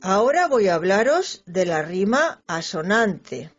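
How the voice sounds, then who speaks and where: A woman with a Spanish accent teaching a poetry lesson to children, drawing out the example words in a slow, lilting voice. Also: medium pitch, sing-song, breathy edge. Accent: Spanish from Spain. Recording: dull lo-fi sound with faint music.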